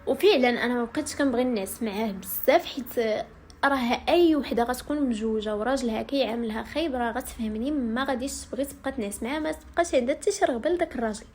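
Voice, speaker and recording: A young woman with a Moroccan accent tells viewers her own story. She speaks quickly, in a rather high voice, recounting everything in an aggrieved first-person way. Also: darkish tone, a little hiss or hum. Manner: rapid, aggrieved first-person retelling with acted quotes.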